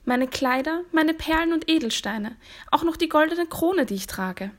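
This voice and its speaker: A spoiled young princess from a storybook, as a woman reading the tale puts her on, high and plaintive as she pleads and explains herself. Her voice sits well above a woman's usual talk. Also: moderate pace, natural voice. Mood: eager.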